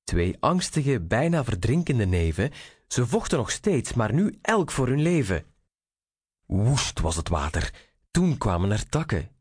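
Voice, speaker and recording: Slow, husky man reading a rhyming picture book. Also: medium pitch, dry recording, clean studio sound. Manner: slow, expressive, sing-song delivery. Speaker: storyteller. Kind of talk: rhyming children's storybook reading.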